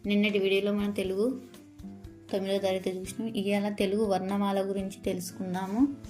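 A woman teaching a lesson for exam preparation, slowly repeating and drawing out each letter of the alphabet. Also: mid-range voice, flat delivery, darkish tone, soft background music.

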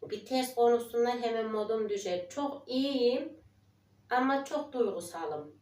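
An unhurried, slightly high and slightly mellow voice comes from a village life vlogger in her forties, who sits far from the mic in an echoey room. In an emotional casual chat with viewers she trembles and prays, growing tearful and quoting others.

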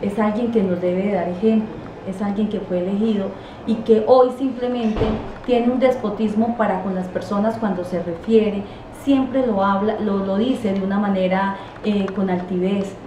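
A woman's voice: mid-range voice, fairly even intonation, normal speed. Indignant woman politician. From Quindío, Colombia. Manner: indignant, emphatic, rhetorical questions. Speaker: departmental assembly deputy. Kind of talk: interview answers, political criticism. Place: small office indoors. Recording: roomy office with clear noise.

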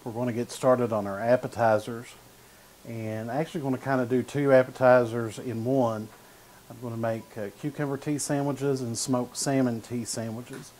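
In an easygoing cooking-show demo, a man in his thirties talks while stirring and slicing in a home-style indoor studio kitchen, leaning on "uh" and "gonna". His voice is mid-range and darkish, with fairly even intonation and a moderate pace.

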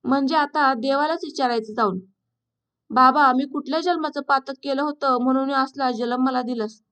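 A woman's voice: sits high, moderate pace, fairly bright tone. A woman voicing a sickly, sorrowful blind village woman who talks in rustic village speech.

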